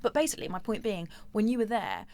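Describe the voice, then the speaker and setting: A woman co-hosts a conversational podcast, introducing guests and musing openly. She talks at an ordinary middle pitch and is unafraid to be blunt. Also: wildly swooping pitch, fast, creaky, dark tone. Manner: chatty, speculative, blunt opinions. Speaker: podcast co-host. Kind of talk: casual interview chat.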